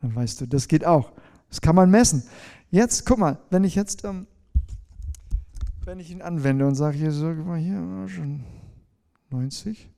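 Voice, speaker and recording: Warm-voiced man preaching a lively sermon. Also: a little high, measured pace, creaky, long pauses. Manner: lively preaching, asks the congregation questions, shows a folding rule. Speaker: pastor.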